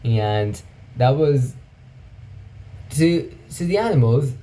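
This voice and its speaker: A man's voice: mid-range voice, animated, takes it slowly, dark tone. A man talking through his thoughts in a casual, reflective monologue, thinking aloud and often checking in with "right?". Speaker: vlogger.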